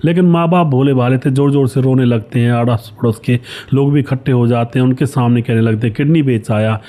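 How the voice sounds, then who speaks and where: A man telling a story in a relaxed, chatty way, talking to his listeners as friends. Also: medium pitch, fast. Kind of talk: casual spoken storytelling.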